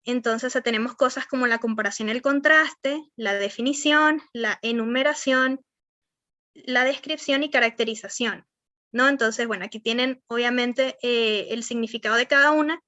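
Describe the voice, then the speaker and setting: A woman's voice: on the high side, moderate pace, bright, forceful tone, dry recording, highs cut off. Rambling young Venezuelan woman teacher. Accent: Venezuelan Spanish. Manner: rambling, many fillers like "o sea" and "este"; checks in often with students. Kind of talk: online class on verbal skills.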